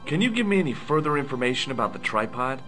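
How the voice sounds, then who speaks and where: Deadpan, wry young adventurer for a point-and-click game; mid pitch, expressive intonation. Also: male voice, quick pace, soft background music. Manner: dry, sardonic, deadpan questions. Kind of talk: video game voice acting.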